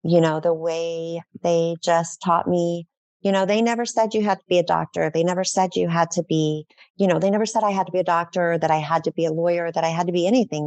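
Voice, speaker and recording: Middle-aged woman guest, lowish voice, dry close sound, gushing and chatty. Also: darkish tone, no echo. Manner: enthusiastic, effusive, rambling with fillers. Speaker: interview guest. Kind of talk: casual podcast interview.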